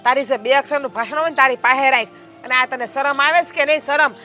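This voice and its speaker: A woman's voice: sits high, fast talker, sharp tone, soft background music. Woman playing a scolding village sister-in-law. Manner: scolding, blunt and quarrelsome. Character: strict sharp-tongued village woman, elder sister-in-law. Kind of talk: family drama acting.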